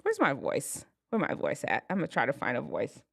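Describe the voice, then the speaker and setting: A woman hosting an advice show, telling a personal story in a casual, expressive way. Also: sits low, brisk, gravelly, husky. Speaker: host giving advice to teens.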